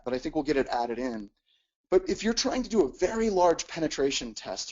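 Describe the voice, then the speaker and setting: A man's voice: a little high, darkish tone, lo-fi sound. A man teaching in a technical webcast, explaining step by step with frequent "uh"s and repeated words. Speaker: webcast instructor.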